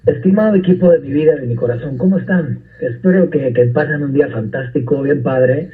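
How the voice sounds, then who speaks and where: A man's voice: fairly high pitch, fairly quick, recorded from a distance, lightly acted. A man putting on a cheerful Mexican accent to greet his coworkers, heard over a tinny phone-like line. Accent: Mexican (put on).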